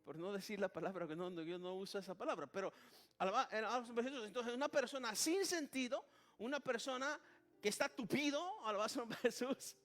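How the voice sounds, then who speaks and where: Speaking fast in a very high-pitched, slightly bright voice, a man preaches in Spanish, calling out to his listeners and praising Jesus. He frequently restarts and keeps repeating "hermano" and "alabado sea el nombre de Jesús."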